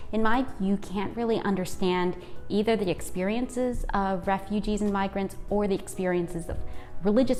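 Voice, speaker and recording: A woman's voice: medium pitch, darkish tone. A woman who conducts oral history interviews, speaking thoughtfully and sincerely about the work. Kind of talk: interview testimonial. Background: faint background music.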